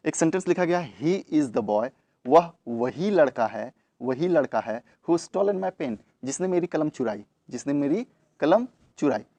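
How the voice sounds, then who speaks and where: A man gives a classroom grammar lesson and repeats each point, asking a question and then answering it. His voice sits a little high for a man. The recording is dry and close, with no room sound. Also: lively intonation, a little slow, warm tone, dry recording. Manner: repetitive, asks rhetorical questions then answers them. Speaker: English grammar teacher.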